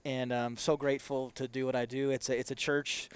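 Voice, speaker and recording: A man's voice: medium pitch, level tone, a little fast, smooth. A man with a sing-song Upper Midwestern accent like North Dakota's, a pastor chatting casually as an interview guest in a modest, hesitant way. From South Dakota, United States. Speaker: pastor and author, podcast guest.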